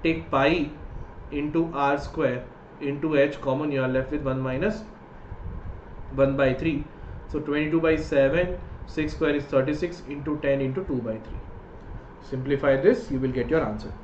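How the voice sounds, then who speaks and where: A man's voice: fairly high pitch, normal speed, a little mellow. A man in his thirties with a North Indian accent teaching maths in an explanatory way, often checking understanding with short questions. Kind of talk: explanatory online lesson mixing English and Hindi. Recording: roomy echo, dull sound, faint noise.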